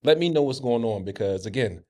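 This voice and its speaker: A man's voice: medium pitch, expressive, fairly quick, a little mellow. A man co-hosting a casual podcast, telling candid, profane stories with many stammered restarts. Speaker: co-host.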